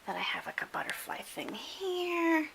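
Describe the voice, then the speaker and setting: A woman's voice: very high-pitched, big pitch swings, unhurried, creaky, a bit bright, slight background noise, poor audio. A middle-aged woman from upstate New York chatting casually as she films a tour of her home library, with lots of fillers and self-corrections. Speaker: booktuber giving a bookshelf tour. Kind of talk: casual chatty vlog narration. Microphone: handheld camera while filming shelves.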